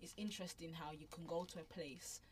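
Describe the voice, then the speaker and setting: A woman chatting quickly and animatedly as a podcast co-host, telling stories. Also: lowish voice, fairly even intonation, slight background noise. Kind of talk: casual chat.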